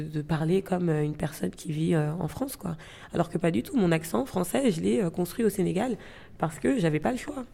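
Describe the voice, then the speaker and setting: A woman's voice: fairly low pitch, a little mellow. Hesitant young woman from Gabon. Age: 20s. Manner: hesitant, frequent fillers and restarts. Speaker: interviewee. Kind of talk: reflective personal storytelling.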